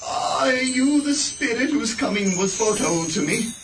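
An actor playing a bitter, miserly old man in a radio play, speaking in a halting, stammering way. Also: very high voice, expressive, distant mic, music in the background. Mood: grumbling.

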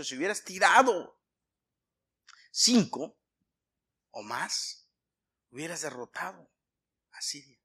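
Spanish-speaking preacher with a bright voice. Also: male voice, husky. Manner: preaching with emphatic swings in volume and pitch. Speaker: pastor. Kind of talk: sermon.

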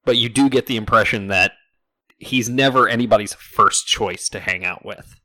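A man's voice: on the low side, normal speed, pushed and bright, no echo. A man narrating as game master in a tabletop role-playing game, laid-back and conversational.

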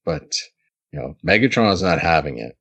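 A man's voice: very deep voice, very animated, moderate pace, gravelly, a bit bright, breathy edge. A man co-hosting a podcast, chatting casually as he recaps an episode, laughing often and restarting his sentences. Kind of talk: casual chat.

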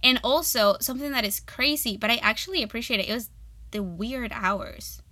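A woman's voice: on the high side, a little fast, pushed and bright, dry recording. A young woman co-hosting a student podcast, chatting in a bubbly, gushing way full of fillers. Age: young adult. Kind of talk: casual chat.

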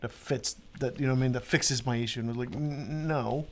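A man's voice: medium pitch, fairly even intonation, brisk. A man co-hosting a casual podcast, talking in a loose, rambling way with lots of restarts and the odd swear word. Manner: rambling, many restarts and fillers, swears freely. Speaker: podcast co-host.

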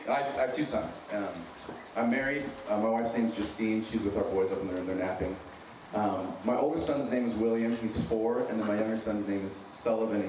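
A lowish, slightly mellow male voice carries this informal sermon, sincere and self-mocking, with phrases repeated for emphasis. The speaker is an American in his thirties with a subtle Minnesotan accent, born in San Diego and raised in Wyoming. The setting is a big echoey room with an audience, recorded noisily from a distant mic.

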